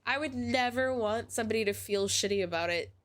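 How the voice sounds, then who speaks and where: A woman's voice: a little high, fairly quick. A woman chats on a live game stream with a stuffy, congested voice from a cold. She rambles casually, filling her talk with "like" as she plays. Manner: chatty, rambling with many "like"s. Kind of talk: casual live-stream chat while gaming.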